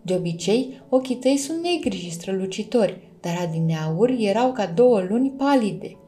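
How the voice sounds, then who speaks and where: A woman's voice: mid-range voice, expressive, warm tone, lightly acted. A woman voicing a small, fussy male dragon who is plaintive and easily offended, in a storybook reading. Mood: insistent.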